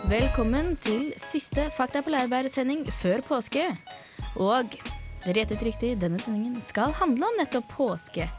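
A woman's voice: sits high, animated, over loud music. Chatty young woman hosting radio. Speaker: radio host. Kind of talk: casual, chatty radio presenting.

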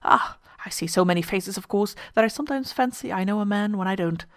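A polite, chatty ship steward, voiced by a woman, makes courteous small talk. The voice is mid-pitched and dry. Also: brisk, dry recording, lightly acted.

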